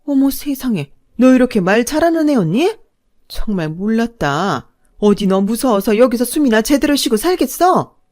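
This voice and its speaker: A shrill, fussy mother-in-law, as a woman narrator puts her on, her voice jumping up high. She speaks in an exaggerated, mocking manner, like a spoken family drama. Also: sing-song, normal speed, darkish tone. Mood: fussing.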